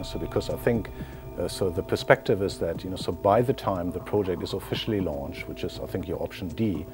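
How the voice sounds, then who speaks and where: A deep-voiced man, a quiz contestant, gives unscripted expert answers. He sounds hesitant, often slipping "you know, so" into his explanations.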